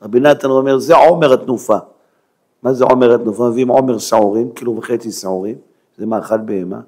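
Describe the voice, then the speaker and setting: A man preaching as a rabbi, dramatic and emphatic, swinging from hushed near-whispers to loud exclamations and rhetorical questions. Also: mid-range voice. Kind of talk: Hebrew sermon.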